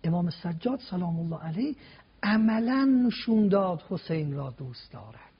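High gravelly husky man preaching. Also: expressive. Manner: emphatic, builds points step by step with rhetorical questions. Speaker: religious guest speaker. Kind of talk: preaching talk on a TV program. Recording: dull lo-fi broadcast sound.

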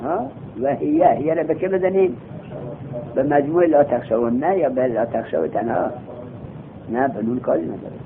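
A man with a somewhat high voice teaches a grammar lesson. He reads the text slowly, then explains it and questions his students. The recording is tinny and phone-like, with a faint rumble behind it. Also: vocal fry. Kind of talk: classroom lesson.

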